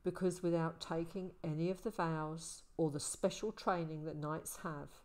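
A woman voicing a calm male ranger, soft, sober, quiet, a bit low. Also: unhurried. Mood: gentle. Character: calm older male ranger, a gentle mentor.

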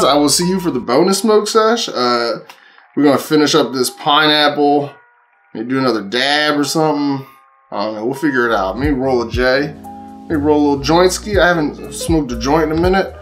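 A man's voice: fairly high pitch, lively intonation, moderate pace, fairly bright tone, soft background music. A man from Pennsylvania hosting a casual vlog to the camera, talking loosely with swearing, frequent laughs and mid-sentence restarts. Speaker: cannabis vlogger host. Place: indoors at home.

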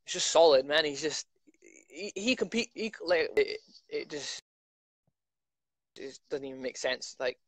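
A man's voice: a little high, lively intonation, measured pace, pauses often, fairly bright tone, no room sound. Chatty young man on a call. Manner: chatty, self-mocking, many restarts. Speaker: MMA fighter. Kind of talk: casual video-call interview. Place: living room at home. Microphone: video call.

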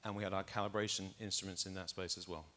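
A man's voice: low voice, little pitch movement, quick pace, sharp tone. A middle-aged man on a conference stage, talking into a lapel mic and walking the audience through test data step by step. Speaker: keynote speaker. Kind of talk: conference keynote presentation.

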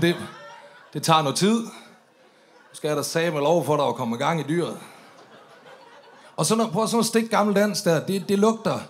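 A man's voice: on the high side, a bit bright, slight background noise. A man performing a stand-up story on stage, swearing freely and acting out the drunk voices of the people in it. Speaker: comedian telling a story on stage.

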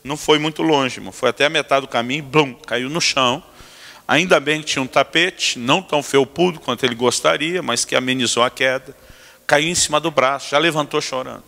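A man, a pastor preaching a sermon who tells family stories in an animated, comic way. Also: mid-range voice, a little fast, creaky. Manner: animated, acts out family scenes with comic asides. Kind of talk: humorous sermon storytelling. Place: church sanctuary. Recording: long reverb of a church hall.

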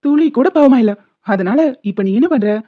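A petty, gloating male college principal teases his friend in a cartoon, played by a woman. His voice sits high and the sound is tinny and narrow, as if through a phone. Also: expressive, moderate pace, no echo. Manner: mocking, gloating.

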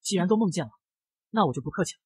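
A man's voice: sits high, animated, very fast, breathy edge, dry recording. A man voicing a drunk, clingy young man in women's clothes who whimpers and whines, in a comic narration. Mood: whiny drunk. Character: drunk whiny young man dressed as a woman.

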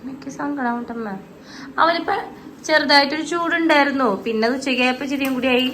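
A woman's voice: high voice, fast talker, a bit bright, a little hiss or hum. A woman in casual family conversation.

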